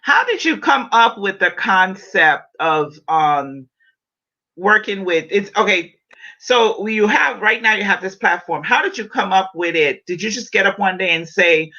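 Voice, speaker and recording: A woman's voice: mid-range voice, lively intonation, a little slow, sharp tone. A woman from the Caribbean hosting a podcast, chatty and enthusiastic, asking long, rambling questions. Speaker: podcast host. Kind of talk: podcast interview. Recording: dull lo-fi audio.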